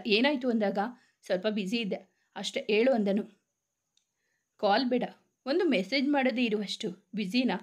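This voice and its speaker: Woman reading a romance serial, slightly high. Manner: reads all characters' dialogue herself, with small shifts of tone. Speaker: storyteller.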